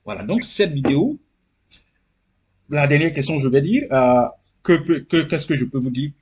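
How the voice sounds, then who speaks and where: A man's voice: a little high, animated, normal speed, a little mellow, dull audio, a little hiss or hum. A man from Côte d'Ivoire, talking as a guest in a casual interview, earnest and repeating phrases for emphasis.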